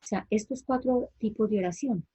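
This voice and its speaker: A woman's voice: medium pitch, moderate pace, mellow, breathy edge, no echo, dull audio. A woman teacher explains grammar in a patient online lesson, often checking with "¿sí?".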